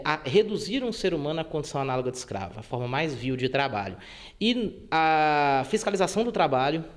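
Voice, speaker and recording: A man from Brazil who serves as a labor court judge, explaining legal points in a careful, measured way. His voice sits somewhat high for a man, and he leans on small filler words as he thinks. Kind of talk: explanatory interview answers.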